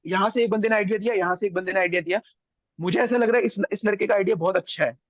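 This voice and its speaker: High-voiced young man telling a story. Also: very fast, no echo, lo-fi sound. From India. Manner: animated, acts out others' lines. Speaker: interview guest. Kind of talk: casual storytelling.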